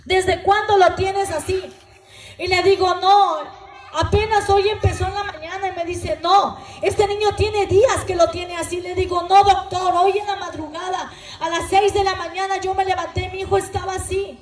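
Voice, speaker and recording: A woman's voice: very high-pitched, steady tone, moderate pace, echoey room, a little hiss or hum. Mexican woman giving a tearful church testimony. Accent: Mexican Spanish. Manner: emotional, earnest storytelling to a congregation. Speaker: testimony speaker at a church gathering. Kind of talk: spoken testimony.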